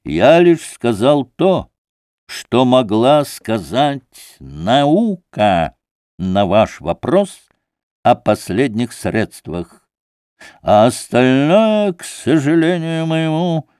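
A man doing a haughty, impatient doctor in an audiobook. He speaks with careless authority and clips every syllable. The delivery is slow and deliberate, and the sound is dry and close. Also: mid-range voice, sing-song, a little mellow, smooth, no room sound. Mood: curt impatient. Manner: clipped, stressing every syllable. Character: curt, impatient, self-important male doctor.

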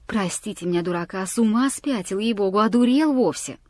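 A woman's voice: medium pitch, fairly quick, no room sound, clean studio sound, close to an everyday voice. A woman voicing a fawning, tipsy middle-aged village bailiff who talks in a wheedling sing-song.

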